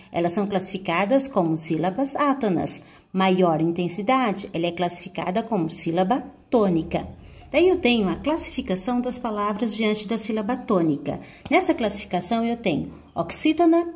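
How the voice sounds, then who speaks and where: A woman teacher with a Brazilian Portuguese accent, giving a video lesson to schoolchildren and slowly stressing syllables as she sounds out words. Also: mid-range voice, a little mellow.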